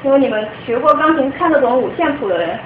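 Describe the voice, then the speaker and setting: A young woman from China gives an informal music theory lecture to a small group, speaking fast in a high-pitched, animated voice. She is patient but often restarts her sentences. The recording is dull and lo-fi, in an echoey room with faint noise.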